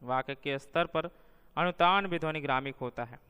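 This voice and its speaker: A man teaching Hindi phonology as a lecture, reading out sounds and word pairs one by one and stressing each clearly. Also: on the high side, normal speed, pushed and bright, in a large hall.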